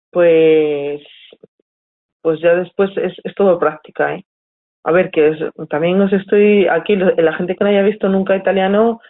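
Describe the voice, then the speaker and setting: A woman with a Spanish accent from Spain, teaching a live online lesson, explaining patiently and reading student questions aloud from the chat. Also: fairly low pitch. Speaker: Italian teacher. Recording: tinny phone-like audio.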